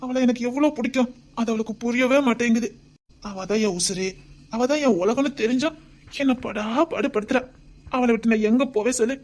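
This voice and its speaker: Homemade drama role: a doting young husband with a Tirunelveli accent, soft and coaxing, higher-pitched, played by a woman. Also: a little fast, close to an everyday voice. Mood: tender. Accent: Tirunelveli Tamil. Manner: tender, pleading, often near a whisper.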